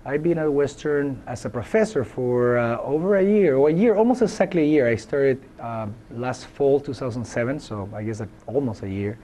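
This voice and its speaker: His medium-pitched, mellow voice carries a Chilean Spanish accent as he answers interview questions in English. He's a university professor in his thirties from Chile, reflective and halting, often restarting and using fillers.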